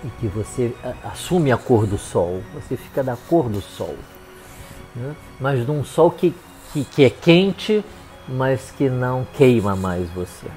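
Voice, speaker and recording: Older man musing slowly, mellow voice. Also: medium pitch, animated, faint music behind. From Brazil. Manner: unhurried, musing, tag questions. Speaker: clinical psychologist. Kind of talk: reflective spoken monologue.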